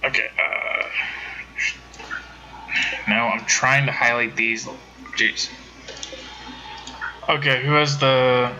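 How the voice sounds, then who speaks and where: A man's voice: mid-range voice, bright, forceful tone, lo-fi sound. A man streaming a game from home, chatting casually with viewers and rambling with many self-corrections. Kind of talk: casual let's-play commentary.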